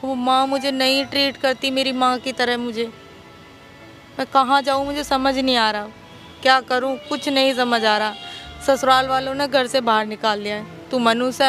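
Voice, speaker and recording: A woman's voice: a little high, a bit bright. An actress playing a distressed young widow who pleads with her stepmother in a staged drama. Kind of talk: staged social drama acting.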